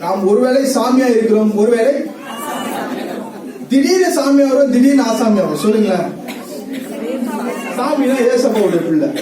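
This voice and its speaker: A man's voice: very high voice, animated, normal speed, pauses often, heavy reverb, far from the mic, crowd noise, rough recording. A male preacher giving a sermon, asking the congregation questions, repeating their answers and laughing often. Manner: laughs often while talking.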